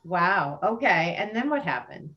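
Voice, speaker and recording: A woman's voice: on the low side, very animated, measured pace, lo-fi sound. A woman hosting a podcast interview, talking in an enthusiastic, chatty way with fillers and restarts. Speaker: podcast host. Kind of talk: casual interview chat.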